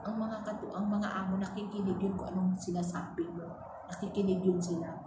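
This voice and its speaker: A woman's voice: fairly even intonation, fairly quick. A woman from the Philippines, a former domestic worker, casually recounting her time with her employers and acting out their dialogue. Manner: chatty, restarts, acts out quoted dialogue with rising pitch. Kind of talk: casual personal storytelling. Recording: echoey room, far from the mic, noisy background.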